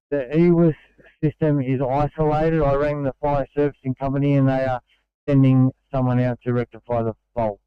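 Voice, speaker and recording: A man's voice: a little high, clear, resonant tone, no room sound. A male emergency responder giving a procedural report over a muffled two-way radio.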